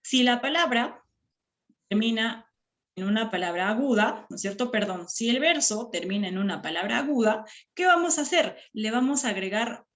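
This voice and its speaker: A woman's voice: fairly high pitch, expressive, moderate pace, fairly bright tone. A woman teacher giving a classroom lesson, patiently counting syllables aloud and checking in with students after each point. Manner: patient, checks understanding with frequent "¿ya?". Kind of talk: classroom lesson on poetry metre.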